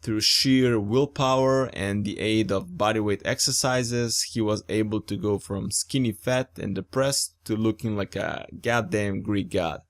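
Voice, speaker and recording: A man's voice: fairly low pitch, measured pace, hardly any pauses. A young man hosting a fitness podcast, talking in an upbeat, enthusiastic and informal way. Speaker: podcast host. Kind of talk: casual podcast chat.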